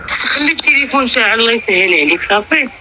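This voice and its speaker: A high, sharp-toned woman with a Moroccan Darija accent comes through a phone line, firing off short questions at a very fast clip. The call audio sounds distant, with a faint hiss underneath. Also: expressive. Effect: heard over a phone line. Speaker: caller on a recorded phone call.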